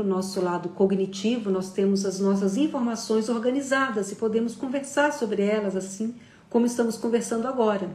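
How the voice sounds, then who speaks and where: A psychology teacher gives a live, conversational lecture, explaining patiently with plenty of fillers. Her voice is medium-pitched and a little mellow, and the recording has a roomy echo.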